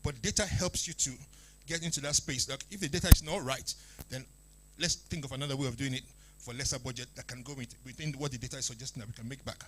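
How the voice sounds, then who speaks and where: A man's voice: mid-range voice, fairly even intonation, quick pace, background noise. A man explaining business points at a talk, stressing phrases by repeating them. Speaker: speaker, media business expert.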